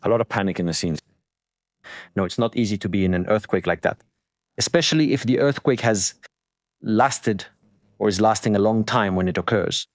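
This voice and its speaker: A man's voice: fairly low pitch, moderate pace, long pauses, slight background noise. A man hosting a live stream, delivering breaking news commentary in an explanatory way, repeating points for emphasis.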